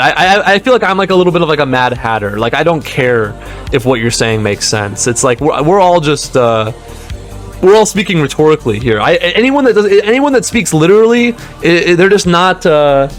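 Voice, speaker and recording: Rambling man with faint music behind. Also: a little high. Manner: rambling, meandering, restarting often, laughs between points. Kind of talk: rambling monologue.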